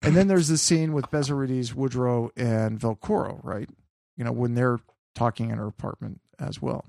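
A man's voice: mid-range voice, moderate pace, creaky, a little mellow, no room sound, clean studio sound. A man co-hosting a podcast in casual chat, rambling with restarts and swearing. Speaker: podcast co-host.

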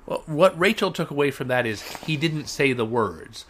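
A man's voice: a little high, lively intonation, moderate pace, a bit bright, a little hiss or hum. A man co-hosting a podcast in casual chat, rambling and digressive with a wry, dry humor. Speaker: podcast co-host. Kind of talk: casual chat recapping a dating show.

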